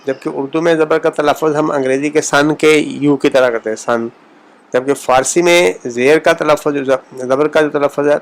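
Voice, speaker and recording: A man giving a pronunciation lesson, speaking slowly and repeating example words to model the sounds. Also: on the high side, poor audio. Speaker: language teacher.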